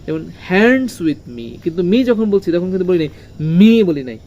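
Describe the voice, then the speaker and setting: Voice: medium pitch, very animated, a little fast, darkish tone. A teacher, giving a lesson to children. The teacher asks questions, answers them, and repeats key words with heavy stress. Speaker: English teacher.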